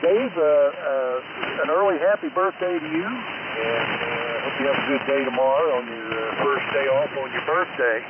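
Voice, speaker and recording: A man chatting casually on a radio net in a halting, rambling way, heard through a military radio and its microphone. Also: medium pitch. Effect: two-way military radio transmission. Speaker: amateur radio operator on a net. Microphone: military dynamic microphone on a field radio. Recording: narrow tinny radio link, loud static noise.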